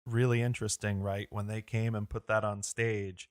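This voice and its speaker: A man's voice: lowish voice, little pitch movement, moderate pace, no echo, studio quality. A man co-hosting a podcast in casual conversation, asking leading questions and cracking jokes. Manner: joking, asks leading questions. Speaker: podcast co-host.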